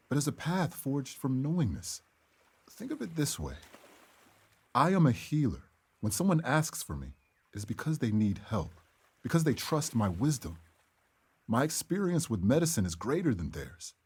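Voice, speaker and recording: A man playing an earnest, calm healer in a stagey period drama, speaking in measured, formal phrases. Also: mid-range voice, slightly rough. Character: earnest young male healer, calm and devout believer in elders.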